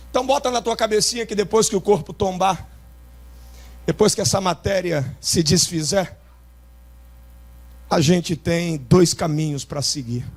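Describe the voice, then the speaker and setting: A man with a Carioca accent preaching a revival sermon, shouting with great force and dropping now and then into quieter asides. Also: high voice, breathy edge. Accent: Carioca Portuguese. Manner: shouts with great intensity, swinging between loud bursts and softer asides. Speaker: pastor. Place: outdoor rooftop church service.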